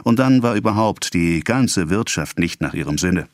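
Man reading a novel audiobook, really deep voice, dry close mic. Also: lively intonation, normal speed, no room sound. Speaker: audiobook narrator. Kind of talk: scripted narration of a novel.

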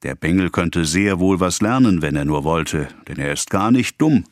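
A man's voice: sits low, animated, no echo, studio quality. A man doing a hearty old village priest. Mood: jovial. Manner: jovial, slow and emphatic.

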